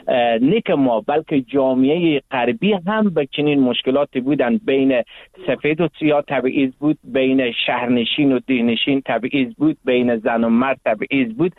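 A man's voice: medium pitch, dry recording. A man, a guest on a radio interview, explaining religious law at length in a lecturing way with frequent hesitations. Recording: tinny phone line.

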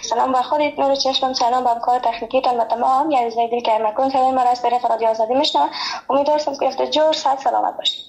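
High-voiced Afghan woman, effusively affectionate caller. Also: fairly even intonation, vocal fry, low-quality recording. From Farah province, Afghanistan. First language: Pashto. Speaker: regular caller to a radio programme. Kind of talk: casual radio phone-in chat.

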